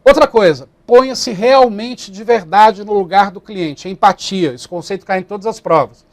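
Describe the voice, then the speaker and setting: High-voiced animated male teacher. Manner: animated, acts out customers and clerks in quick voices. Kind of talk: lively online lecture.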